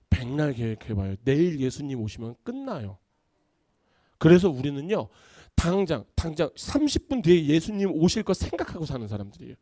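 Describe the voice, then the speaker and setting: Animated man preaching, lively high voice. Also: no room sound, clean studio sound. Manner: animated, conversational preaching with acted-out family quotes. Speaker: pastor. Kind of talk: sermon. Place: church sanctuary.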